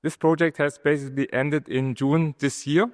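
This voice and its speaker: A man's voice: a little high, steady tone, moderate pace. Man giving podium speech in reverberant hall. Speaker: panelist, project advisor giving a presentation. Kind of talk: podium speech, formal conference presentation. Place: large conference hall.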